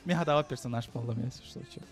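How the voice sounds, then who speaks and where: A man's voice: medium pitch, fast. A man chatting informally as a video game streamer, with some swearing. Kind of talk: casual gaming stream chat. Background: faint music.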